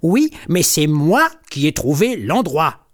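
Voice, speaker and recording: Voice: medium pitch, sing-song, moderate pace, voice pushed up. A storyteller voicing a grumbling, reproachful boy kitten in a storybook. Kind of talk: storybook reading.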